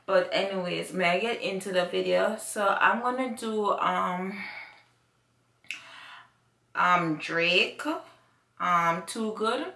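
Gravelly Jamaican woman vlogging. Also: on the low side, takes it slowly, long pauses, bright, forceful tone. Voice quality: rambling, repeats herself with fillers. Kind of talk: casual vlog chat. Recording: echoey room.

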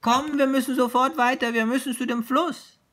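A man voicing a small, excitable young male tiger in a read-aloud children's story, speaking in a high, eager voice. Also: moderate pace.

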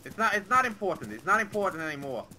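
A man playing a crude, excitable soldier in a comic game role-play, blurting and repeating his phrases. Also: high voice, fast, a little hiss or hum, full character voice, poor audio. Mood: casual. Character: crude, excitable male soldier, adopted brother-in-arms.

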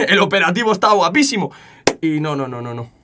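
A young man with an accent from Spain, telling a story casually to his chat, animated and often repeating words. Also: sits high, normal speed, background noise. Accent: Spain Spanish. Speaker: streamer.

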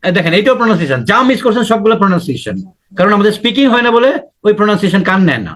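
A man with a Bangladeshi accent teaching an English listening class, drilling words by saying them slowly again and again. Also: high-pitched, sing-song, a bit bright. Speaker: IELTS teacher. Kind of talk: classroom lesson.

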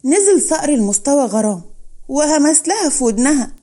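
A woman with an Egyptian accent narrating a romantic story in a smooth, dramatic telling. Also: high voice, sing-song, a little fast, dark tone.

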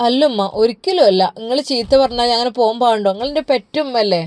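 Woman doing soft young daughter, Malabar accent, dry close mic. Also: fairly high pitch, fast, dry recording, lightly acted. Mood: soothing. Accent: Malabar Malayalam. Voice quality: soft, soothing. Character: gentle pregnant young daughter. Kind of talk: storybook narration.

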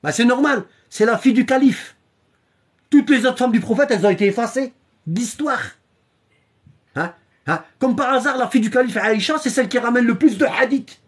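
A husky, slightly breathy speaker gives a live-streamed religious lecture. Points come back again and again, pressed home with pointed rhetorical questions and constant "hein?" checks to the audience. The pitch sits in a middling register. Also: normal speed. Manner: reads and shows passages from a book. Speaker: religious teacher.

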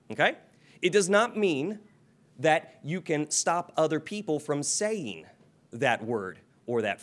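A man's voice: mid-range voice, fairly bright tone. A man presenting a workshop to a live audience, chatty and informal, often checking in with the room and laughing.

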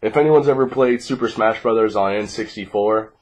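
Speaking briskly in a lowish, darkish voice, a man in his 20s presents his card deck casually and with swearing, laid-back despite being groggy and congested from a cold. The recording is muffled, made on a noisy home webcam with clicks in a small living room.

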